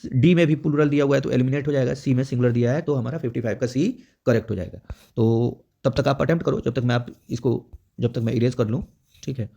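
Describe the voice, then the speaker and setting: A man's voice: mid-range voice, fairly even intonation, fast talker, vocal fry, dark tone, muffled recording. A man teaching an exam prep grammar lesson, explaining step by step and checking in often. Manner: explains step by step with frequent "theek hai" check-ins.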